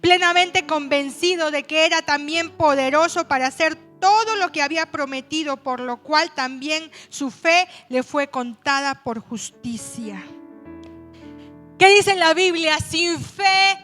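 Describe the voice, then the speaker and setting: Woman pastor giving a sermon, pretty high voice, chatty storytelling, slows way down on key words, faint music behind. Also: fairly bright tone. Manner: chatty personal storytelling, slowing and stretching words for emphasis.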